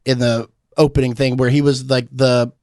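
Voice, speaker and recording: A man's voice: mid-range voice, little pitch movement, moderate pace, darkish tone, no echo, studio quality. A man casually chatting about a movie on a podcast, rambling with lots of fillers and frequent laughs. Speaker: podcast host.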